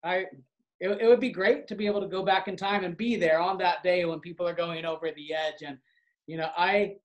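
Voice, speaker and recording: A man's voice: high voice, fairly even intonation, a little fast, rough recording. A man who works for a community organization, talking earnestly and reflectively in a casual conversation.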